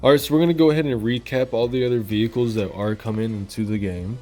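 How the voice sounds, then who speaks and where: This gaming channel host talks fast in a mid-range, mellow voice with a steady tone. He rambles loosely through informal news commentary, voiced over gameplay footage with background music.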